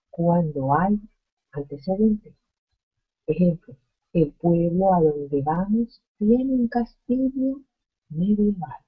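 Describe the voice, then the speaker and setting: Woman, online grammar lesson, slow deliberate explaining, breathy voice, dull lo-fi sound. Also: fairly low pitch. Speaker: Spanish teacher.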